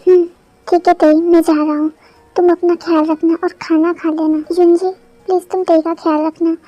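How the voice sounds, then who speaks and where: A young woman voicing a gentle, caring young man in a spoken fan story, pleading softly. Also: very high-pitched, little pitch movement, normal speed, dry recording, faint music behind, low-quality recording. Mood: tender.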